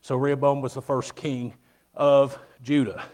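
A man preaching an informal evening Bible lesson at a pulpit microphone, speaking in a halting, folksy, plain-spoken way and putting questions to his listeners. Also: mid-range voice, little pitch movement, a little mellow. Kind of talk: informal teaching sermon with questions to congregation.

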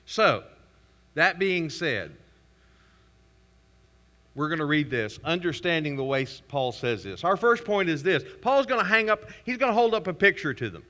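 A man's voice: a little high, sing-song, normal speed, pauses often, pushed and bright. A man preaching a sermon as pastor, reading scripture aloud with pointed sarcastic emphasis. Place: church sanctuary. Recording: reverberant church hall.

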